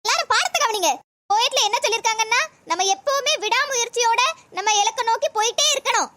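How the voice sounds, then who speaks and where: A woman's voice: very high voice, expressive, fast talker, background noise. A woman voicing a stern, scolding female village teacher in a comedy cartoon, nagging in exasperation with a southern Tamil Nadu accent. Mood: exasperated. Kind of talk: comedy skit voice acting.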